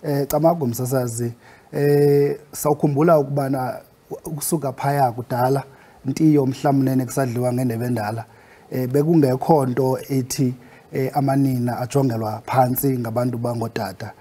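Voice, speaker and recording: A man's voice: mid-range voice, steady tone, moderate pace, mellow, breathy edge. A South African man with a Xhosa accent, explaining things in a formal, respectful way as an interview guest. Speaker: guest expert on Xhosa customs. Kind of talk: interview talk.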